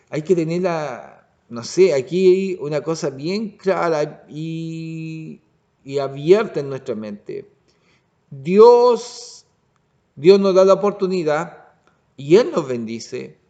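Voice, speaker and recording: A man teaching a Bible lesson as pastor, often pausing to check the congregation understands. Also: fairly high pitch, mellow, highs cut off. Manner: restarts and asks "¿ya?" to check understanding. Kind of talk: Bible study sermon.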